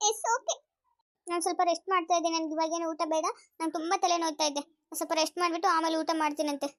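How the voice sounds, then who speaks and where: A woman's voice: very high-pitched, fairly even intonation, quick pace. A woman voicing a fed-up young wife who complains and pleads, repeating herself. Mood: tearful pleading.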